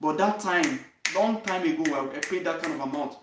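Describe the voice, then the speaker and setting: A man's voice: on the high side, moderate pace, noisy background. Earnest Nigerian man in an echoey room. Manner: earnest, repeats "you understand?" and "okay?". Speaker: channel host. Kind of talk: direct-to-camera life story talk. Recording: roomy echo, voice from a distance.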